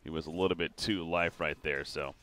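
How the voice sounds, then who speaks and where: A man casting a live competitive video game match, calling the plays quickly and getting excited at the big moments, with frequent fillers and restarts. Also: very deep voice. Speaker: esports caster.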